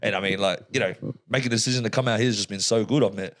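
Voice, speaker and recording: Fast-talking young Australian man. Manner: slangy, animated storytelling with bursts of high voices. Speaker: podcast guest. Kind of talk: casual chat.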